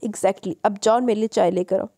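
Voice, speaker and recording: A woman's voice: mid-range voice, fairly even intonation, fairly quick, warm tone, dry recording, studio quality, close to an everyday voice. A woman voicing a short-tempered, bossy young man in an audio novel, speaking curtly and giving orders. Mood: stern. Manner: curt, commanding.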